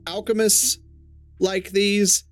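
A high-pitched man runs a tabletop adventure as its game master. He narrates in a loose, chuckling way, with soft music playing faintly underneath. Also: flat delivery, extremely slow, dry recording.

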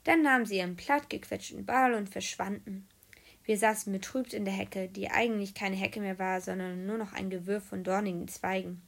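A woman narrating a children's audiobook in a lively storytelling manner. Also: medium pitch, moderate pace, vocal fry. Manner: lively storytelling, voicing characters.

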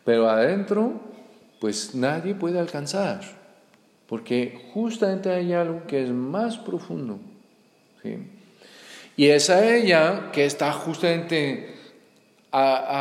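A man's voice: a little high, expressive, slow. A man preaching a sermon in a conversational way, often asking his listeners if they follow. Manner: conversational, with frequent tag questions. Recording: echoey hall with long reverb.

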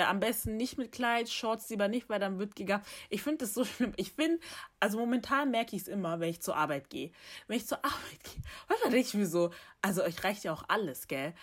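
A young woman in a casual conversation, speaking frankly and with indignation, talking things through in long runs. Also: medium pitch. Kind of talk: casual chat.

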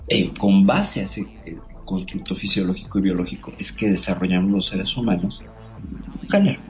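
A man hosting a talk show, explaining things in a measured, academic way. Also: low-pitched, a little mellow. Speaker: host. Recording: dull lo-fi sound with faint music.

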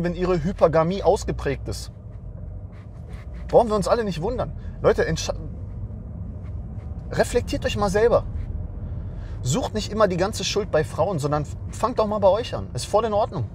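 Fired-up ranting man, lively high voice. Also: breathy edge. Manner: blunt, fired-up, scolding. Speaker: dating coach YouTuber. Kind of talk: ranting monologue to camera.

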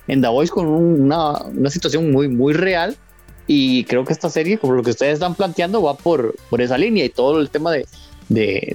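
A man's voice: fairly high pitch, a little mellow. A man in a casual chat, speaking hesitantly and repeating words as he thinks.

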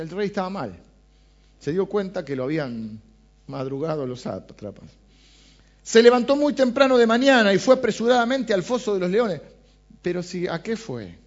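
An Argentine preacher explains a Bible passage in a casual, chatty sermon, often turning to his listeners with questions. His voice sits a bit high for a man. The recording is dull and lo-fi. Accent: Argentine Spanish.

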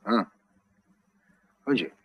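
An actor playing a gentle, proud, absent-minded Neapolitan father in a 1950s radio play, talking in a rambling, halting way with a Neapolitan accent. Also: dull audio. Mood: puzzled. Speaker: head of the family.

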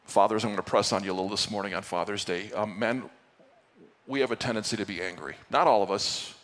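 A man's voice: lowish voice, fast, fairly bright tone, in a large hall. A male pastor giving an earnest Sunday sermon to his church, with playful asides. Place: church sanctuary.

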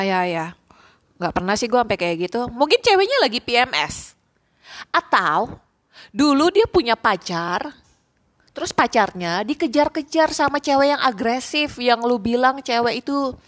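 A woman's voice: a little high, fairly bright tone. A young woman, hosting a podcast and telling a story in casual, slangy chat, laughing often and slipping English phrases in. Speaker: podcast host.

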